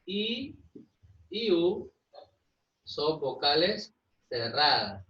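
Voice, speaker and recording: Bright-voiced man teaching a grammar class. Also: a little high, highs cut off. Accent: Peruvian Spanish. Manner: explains step by step, often checks with "¿sí?". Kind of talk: grammar lesson for students.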